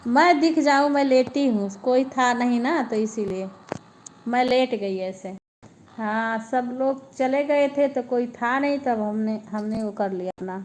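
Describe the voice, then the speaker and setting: A woman chats with her live-stream viewers from home, lying down as she talks. Her voice sits fairly high, and she talks in an unhurried, drawn-out way. She is homely and chatty, and she circles back to the same points again and again. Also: darkish tone, a little hiss or hum. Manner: chatty, homely, repeats herself.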